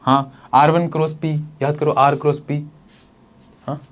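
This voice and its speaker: A man's voice: a little high, little pitch movement, unhurried. Male physics teacher lecturing. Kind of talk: classroom lecture at a board.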